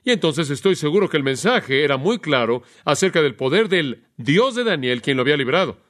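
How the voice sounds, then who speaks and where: A man preaching an expository Bible sermon in a lively way, putting rhetorical questions to his listeners. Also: fairly high pitch, brisk. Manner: animated, asks rhetorical questions.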